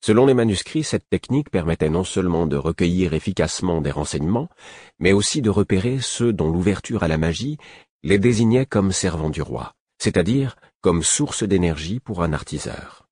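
A male audiobook narrator with a very deep, husky voice reads a first-person novel. His delivery is measured and even. The recording is dry and close, with no room sound. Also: dry recording.

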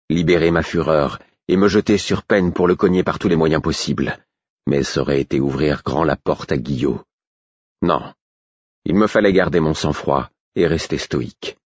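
A man with a very deep, husky voice reads a first-person story aloud. He keeps a steady, grave pace. The recording is dry and close, with a slightly muffled tone. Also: no room sound. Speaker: audiobook narrator. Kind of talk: first-person audiobook narration.

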